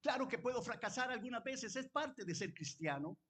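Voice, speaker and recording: A man preaching a sermon, fervent, switching between loud exclamations and quiet personal storytelling. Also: very high voice, animated, moderate pace, slightly rough. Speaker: pastor.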